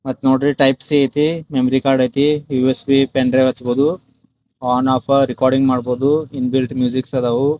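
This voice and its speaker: In a casual unboxing, this male shop host with a North Karnataka Kannada accent pitches a product, repeating his sales lines and mixing in English. His voice is medium-pitched, monotone and a little mellow, delivered at a quick pace. The audio is poor, with slight background noise.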